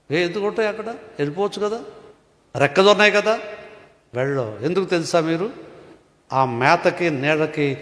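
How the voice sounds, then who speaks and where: High-voiced pastor preaching in echoey hall. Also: male voice. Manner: rhetorical questions, swings between loud and hushed. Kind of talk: sermon.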